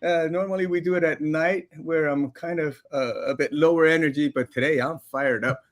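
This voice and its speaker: A man hosts a casual video podcast with a somewhat high voice. He teases his co-host and guest and laughs a lot between lines. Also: steady tone, moderate pace. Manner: playful, teasing, laughs a lot.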